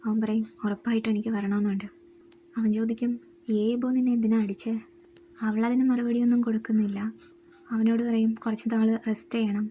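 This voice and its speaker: A woman retelling a drama's episode as a fast storytelling recap, reading quoted lines in her own voice. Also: a little high, dark tone, a little hiss or hum.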